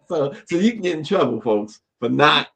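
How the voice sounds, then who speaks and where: A man co-hosting a casual talk show in a relaxed way, chuckling as he reads out viewer comments. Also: a little high, creaky. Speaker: co-host. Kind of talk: casual chat.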